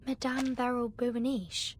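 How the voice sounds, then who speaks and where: A woman's voice: fairly high pitch, level tone, unhurried, a little hiss or hum, natural voice. A woman voicing a reserved, polite young female agent from a game story, speaking tentatively. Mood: cautious politeness.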